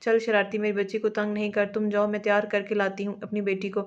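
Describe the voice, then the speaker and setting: Gentle loving mother, read by a woman. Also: mid-range voice, completely flat delivery, fast, natural voice. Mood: tender. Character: loving middle-aged mother, gentle and affectionate. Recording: dull lo-fi audio.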